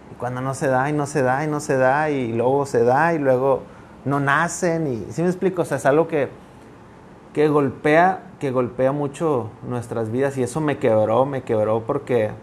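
A man in a reflective podcast chat, speaking earnestly and pausing to restart his thoughts. His voice sits at a middle pitch, with faint noise in the background. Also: darkish tone. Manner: earnest, halting with frequent restarts. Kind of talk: reflective conversation.

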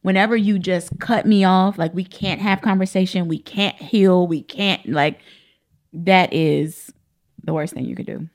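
A woman co-hosting a relationship podcast, with a low, gravelly voice. She talks in an easygoing, rambling way, full of likes and restarts. Her speech. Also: fairly even intonation, measured pace. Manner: loose and conversational, many fillers and restarts. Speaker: podcast co-host. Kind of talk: casual relationship talk.

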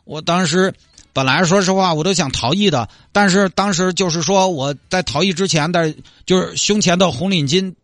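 A man's voice: high voice, normal speed, a bit bright, no room sound, clean studio sound, faint music behind, voice pushed up. A man voicing a sheepish young man who hit a car, hesitant and apologetic.

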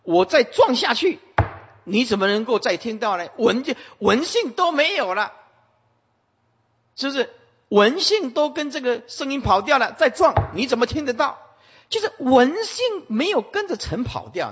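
A man's voice: very high voice, sing-song, normal speed, fairly bright tone, husky, voice pushed up, exaggerated voice. A man voicing the Buddha as an elder teacher who questions his disciples insistently and rhetorically. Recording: muffled, echoey hall.

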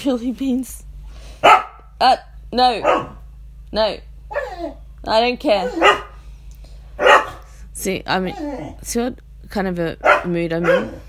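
A woman with vocal fry hosting a casual solo podcast, cranky and rambling, often scolding a dog sharply. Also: on the low side, unhurried, background noise. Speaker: podcast host. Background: a dog whining and barking.

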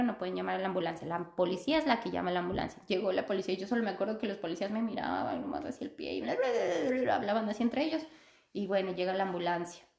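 A woman's voice: mid-range voice, creaky, a little mellow. A young woman, a podcast guest, telling a personal story in casual, chatty conversation and laughing often. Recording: echoey room.

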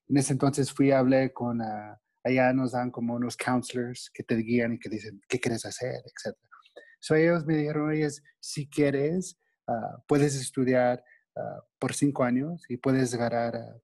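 A man's voice: medium pitch, mellow, dry recording. A man from Texas speaking Spanish with English words mixed in, as a guest in a casual interview, tagging many sentences with "no?". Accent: Texan Spanish with English words. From Texas, United States. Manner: friendly, mixes English words, asks 'no?' often.

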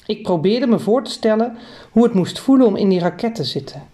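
Woman narrator, children's storybook, expressive reading, mellow warm voice. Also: medium pitch, fairly quick.

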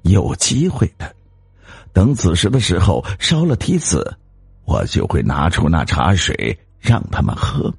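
A man's voice: sing-song, a little slow, vocal fry, a little mellow, husky, no echo, full character voice. A man voicing a greedy, scheming wife who bosses and scolds her timid husband. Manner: scolding, bossy, shrill. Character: scheming greedy wife, woman, sharp-tongued.

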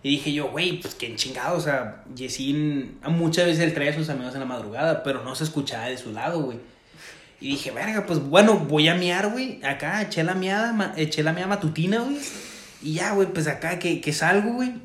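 Young mexican guy telling crude stories on a podcast, kinda high voice, roomy echo. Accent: Mexican Spanish. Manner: crude, slangy, quick to laugh. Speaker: podcast co-host. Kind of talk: casual storytelling chat. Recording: echoey room.

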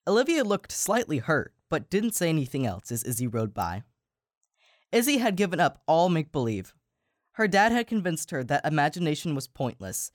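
A man co-hosting a podcast and reading a children's story aloud, slowing down for emphasis. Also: on the high side, dry recording, studio quality. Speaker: podcast co-host and story reader. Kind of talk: storybook narration.

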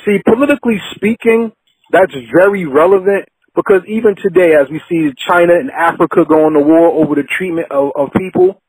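A man interviewing a guest in a conversational, reflective way, deliberately building up to his questions. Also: sits high, a little mellow, slightly rough, no room sound, low-quality recording.

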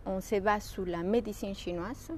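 A woman from Mexico speaking French with a Mexican Spanish accent, a shiatsu practitioner answering interview questions with many pauses and restarts. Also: mid-range voice, fairly even intonation, a little mellow, a little hiss or hum. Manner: hesitant, many fillers and restarts.

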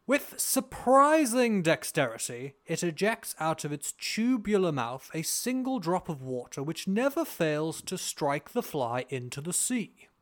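A man voicing a posh British gentleman, reading an old scientific quote in a slow, grand manner. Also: on the high side, big pitch swings, voice pushed up. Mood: grandiose. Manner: slow, grand, plummy delivery.

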